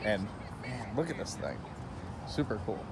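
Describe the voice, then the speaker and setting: A young man with a lowish, expressive voice talks at a measured pace, sounding enthusiastic and easygoing as he records a casual travel vlog with voice-over. He's out on windy open land, filming on a phone camera held at arm's length, and wind fills the background.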